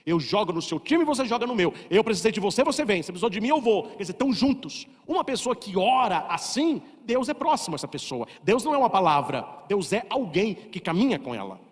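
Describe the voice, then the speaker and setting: A Brazilian priest preaching a sermon, emphatic, with many repeated rhetorical questions. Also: male voice, high-pitched, very animated, fast talker, hardly any pauses, husky. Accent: Brazilian Portuguese. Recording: long reverb.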